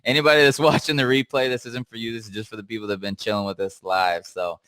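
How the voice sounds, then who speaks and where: Bright, crisp-voiced hyped-up male streamer. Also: lowish voice, steady tone, quick pace, dry recording. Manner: hyped and giggly, keeps breaking into laughter. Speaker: livestream host. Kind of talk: casual live-stream sign-off chat.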